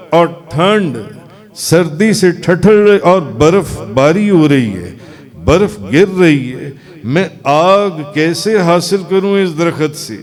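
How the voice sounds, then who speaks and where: Male Sufi preacher, Pakistani Urdu accent, slightly high pitch, dramatic storytelling sermon with chanted repetitions. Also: a little mellow.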